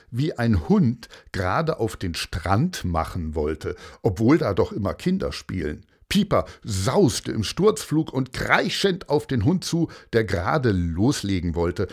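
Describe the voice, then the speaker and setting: Man reading a children's story, slow pace, very lively intonation, expressive. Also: medium pitch. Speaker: narrator.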